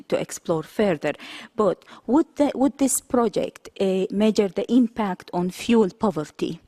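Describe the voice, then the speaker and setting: A woman from Sudan asking a polite, formal question from the floor at a conference, pausing now and then. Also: lowish voice, mellow. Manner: polite, formal, a little halting. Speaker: audience member asking a question.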